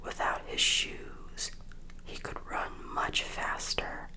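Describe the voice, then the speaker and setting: A woman reading children's stories as ASMR in a breathy, unvoiced whisper, with a gentle, deliberate delivery meant for falling asleep. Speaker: storyteller reading children's tales.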